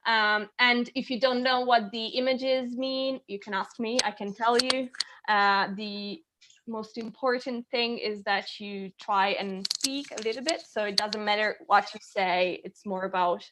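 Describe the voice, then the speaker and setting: A woman's voice: medium pitch, fairly even intonation, unhurried, noisy background. A woman teaching an online English class on a video call, explaining a speaking task in a friendly way with many fillers.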